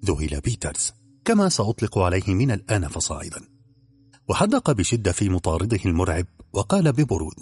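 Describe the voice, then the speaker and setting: A male narrator reads a story with animated, rising-and-falling delivery. His low voice has a husky edge and sounds close and dry, with faint music underneath. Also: fairly quick, no echo. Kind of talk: audiobook narration.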